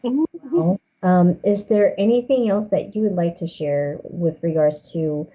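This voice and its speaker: A woman interviewer with a very dark, mellow, lowish voice, asking questions in a casual, hesitant way as she searches for words. The sound is dull and lo-fi, as if coming over a video call. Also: expressive, measured pace.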